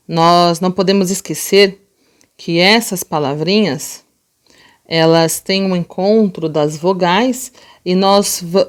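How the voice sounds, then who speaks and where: Brazilian teacher lady, kinda low voice, stretches out words for little kids. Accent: Brazilian Portuguese. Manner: slow, drawn-out sounding out of words; gentle, patient explaining to children. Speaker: primary school teacher. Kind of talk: remote class lesson.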